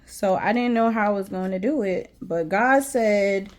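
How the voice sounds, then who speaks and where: A faith vlogger shares a personal story of belief with her viewers in a casual, emotional way, her mid-range female voice somewhat dark in tone and measured in pace. She repeats herself as she goes and often says "y'all."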